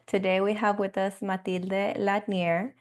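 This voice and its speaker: A woman's voice: mid-range voice, flat delivery, a little slow. A woman hosting a podcast, reading a polished intro and leading the interview in an upbeat way. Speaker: podcast host.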